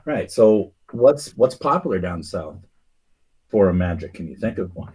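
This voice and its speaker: A man with a low, husky voice talks casually as host. He rambles, restarting sentences and filling pauses with "um" and "uh". His tone stays mellow and dark throughout. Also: very animated. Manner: rambling, hesitant, many fillers and restarts. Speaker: podcast host. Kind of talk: casual conspiracy talk.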